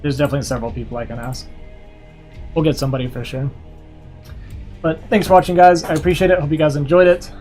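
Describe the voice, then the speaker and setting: Over faint background music, a young man streams from his computer and rambles cheerfully, packing his casual chat with fillers. This streamer and caster has a fairly high, fairly even, slightly mellow voice that sounds tired from talking, and he speaks fast with frequent pauses.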